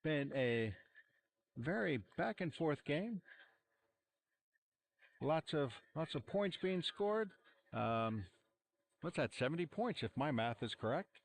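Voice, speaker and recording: A man calling a high school football game, relaxed and rambling with plenty of fillers. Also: slow pace, gravelly, long pauses. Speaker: play-by-play commentator. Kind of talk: amateur sports commentary. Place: outdoor football stadium sideline. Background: cheering fans.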